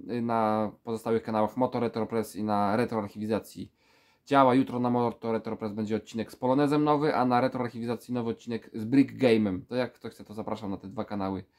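A man in his thirties from Poland with a stuffy, pinched-nose nasal voice, sounding under the weather as he chats casually and ramblingly for a vlog. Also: mid-range voice. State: sick with a stuffy nose, feeling weak. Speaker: vlogger. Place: small room with full shelves, indoors.

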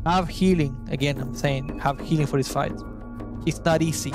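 A young Argentine man, a native Spanish speaker, chats casually through a gameplay guide as a gaming YouTuber, sometimes hunting for words and swearing at the game. His voice is on the high side with fairly even intonation at a moderate pace, and music plays in the background.

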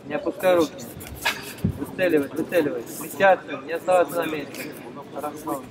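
A man's voice: a little high, brisk. Man, cornering a fighter, short repetitive commands, distant in a reverberant hall, heavy background noise. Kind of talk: shouted cornering instructions. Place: indoor MMA arena, cageside. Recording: noisy echoey hall, distant mic. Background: loud venue noise.

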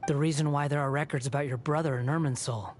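A man playing an aloof, cynical young former villain in a video game, speaking in a cool, sardonic, deliberate way. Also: on the high side, steady tone, darkish tone, slight background noise, lightly acted. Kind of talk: video game dialogue acting.

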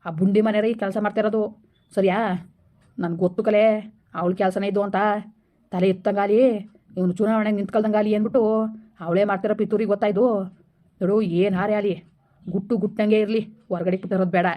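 Brief: woman playing a mellow, fast-talking village schemer who keeps the family quiet. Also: medium pitch, steady tone, lightly acted. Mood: persuading. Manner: hushing, persuasive, bossy. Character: scheming village elder brother, middle-aged man, election-obsessed. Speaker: comedy skit actor. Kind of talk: village comedy skit.

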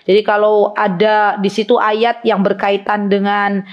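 A woman's voice: mid-range voice, level tone, a little slow, lo-fi sound. A woman religious teacher giving a chatty study lecture to a group of women, speaking straight to them and reciting Arabic phrases.

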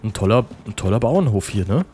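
A man's voice: lowish voice, very animated, brisk, dark tone, slight background noise. A man giving casual, joking gameplay commentary and reading game text aloud. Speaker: let's play host.

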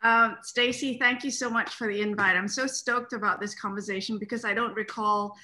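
An upbeat woman joins an interview by video call. Her voice is bright and forward, with a friendly, eager manner. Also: medium pitch, fairly even intonation, fairly quick. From Singapore. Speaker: guest.

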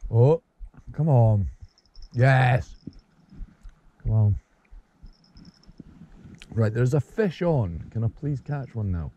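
A man's voice: medium pitch, lively intonation, extremely slow, long pauses, mellow, slightly rough, muffled recording. A man talking to himself and his friend while fishing on a rocky shore, urging the fish on and swearing now and then, heard through a head-mounted camera. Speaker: angler and channel host. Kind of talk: live fishing commentary. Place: rocky sea shore outdoors at night and dawn. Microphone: head-mounted action camera.

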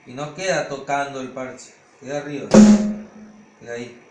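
A man's voice: medium pitch, fairly even intonation, normal speed, over loud music. A man teaching drum technique, explaining step by step and counting beats aloud. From Argentina. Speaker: percussion teacher. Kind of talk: hands-on drum technique lesson. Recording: echoey room with loud drumming.

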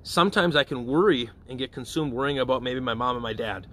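This time the parish priest sounds pushed and bright, speaking quickly in a mid-range voice over slight background noise. In his casual evening prayer reflection he frequently checks in with "okay?" and "all right?"

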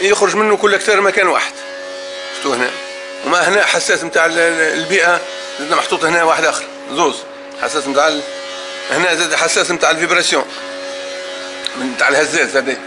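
A man's voice: a little high, background noise. A man with a Tunisian Arabic accent, a car mechanic explaining an engine while stumbling over his words.

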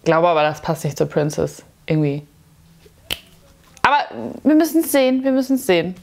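A woman's voice: fairly low pitch, big pitch swings, normal speed, gravelly. Chatty, opinionated woman reacting to a show. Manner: chatty, opinionated, sarcastic asides. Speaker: YouTube commentator. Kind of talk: casual reaction commentary. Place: small dim room with lamps, indoors.

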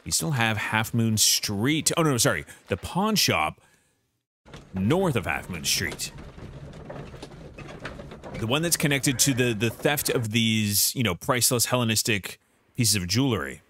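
Animated male streamer thinking aloud. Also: fairly low pitch, a little slow, pauses often, slight background noise. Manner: thinking aloud, frequent restarts and fillers. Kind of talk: live game commentary.

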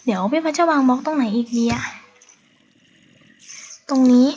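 A woman's voice: sits high, moderate pace, slight background noise. A woman hosting a survival game playthrough, chatting to her viewers and correcting her own slips as she plays. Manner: drops to a scared hush in tense moments. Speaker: gameplay host. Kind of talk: casual let's-play commentary.

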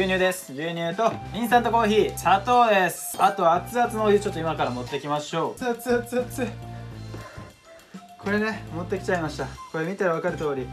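A young man, chatting excitably and casually while cooking at home for his vlog. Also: high voice. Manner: excitable, chatty, exclaims often. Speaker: vlogger. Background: background music.

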